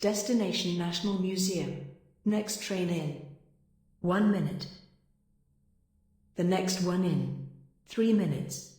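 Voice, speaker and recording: A woman's automated announcement comes over a station intercom in a fairly low voice. Her phrasing is flat and even, and the sound is heavily echoey. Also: slow pace, pauses often.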